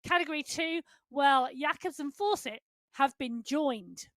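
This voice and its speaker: High-voiced female race co-commentator. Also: lively intonation, a bit bright, dry recording. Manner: brisk, reads out results. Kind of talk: live esports cycling commentary.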